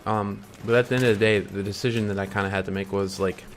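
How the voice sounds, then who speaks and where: A man's voice: on the low side, fairly even intonation, fast talker, a little hiss or hum. A young man talking to camera in a casual, rambling way, full of ums and restarts, earnest about following his dreams. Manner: chewing candy while talking. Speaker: vlogger. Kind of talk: casual reflective monologue.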